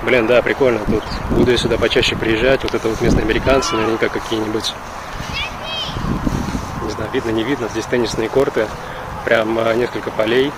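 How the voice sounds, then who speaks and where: A man from Russia, chatting in a halting, reflective way in a casual vlog recorded outdoors with wind on the mic. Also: on the low side, flat delivery. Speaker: vlogger. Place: outdoors in a park. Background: wind and outdoor ambience.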